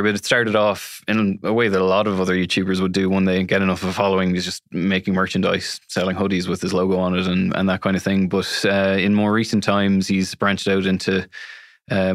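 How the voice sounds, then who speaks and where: A man's voice: low voice, dry recording, clean studio sound. A man with a west of Ireland accent, explaining things conversationally as an interview guest. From Galway City, west of Ireland.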